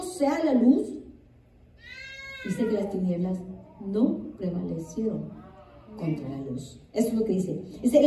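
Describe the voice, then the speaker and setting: A woman's voice: high-pitched, warm tone. A woman pastor preaching a sermon. She reads scripture aloud, repeats it for emphasis and asks the congregation questions. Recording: echoey room, distant mic.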